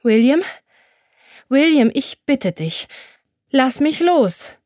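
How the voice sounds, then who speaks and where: A woman voicing a frightened young woman who pleads, high and strained, to be let go, in an audiobook reading. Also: animated, unhurried, warm tone, no room sound, clean studio sound. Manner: high, pleading, rising to screams. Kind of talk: audiobook character voice.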